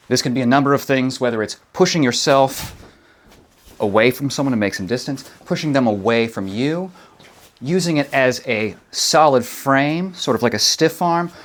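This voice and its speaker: A man's voice: medium pitch, moderate pace. A man teaching a martial arts lesson, explaining moves step by step and checking in with short tag questions. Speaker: karate instructor.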